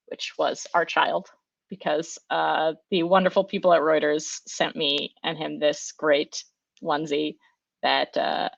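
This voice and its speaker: A woman's voice: deep voice, creaky, dry recording, highs cut off. A woman giving a casual, enthusiastic conference talk over a video call, chatting with lots of fillers. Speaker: conference speaker.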